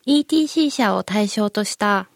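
A woman's voice: mid-range voice, animated, normal speed, gravelly, dry recording. A woman with a cute, anime-like voice giving polite, prepared explanations as a company spokesperson in an interview. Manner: cutesy anime-style "moe" voice, polite.

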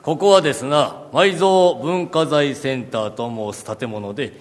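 A man's voice: fairly high pitch, unhurried, natural voice. A man playing a proud, jovial samurai warlord who guides visitors in old-fashioned samurai speech, boastful and playful. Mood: guiding. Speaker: costumed guide. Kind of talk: in-character guided tour.

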